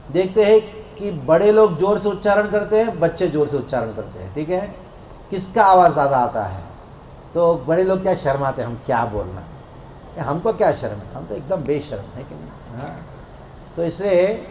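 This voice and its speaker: A man preaching a devotional discourse to a congregation in a temple hall, playful and lively, leading the crowd in call-and-response chanting. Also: fairly high pitch. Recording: echoey hall with faint noise.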